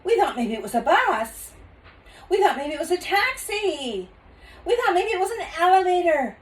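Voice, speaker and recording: An older woman voicing a bold, excitable little girl in a grandmotherly storybook reading. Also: a little high, drawn-out words, echoey room, distant mic, pitched above the performer's own voice, heavily acted. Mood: excited.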